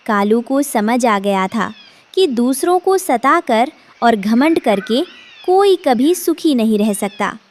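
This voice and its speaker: A woman narrates a children's moral story in a gentle, instructive tone. Her voice is high and she speaks slowly, giving each phrase room. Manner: gentle, didactic.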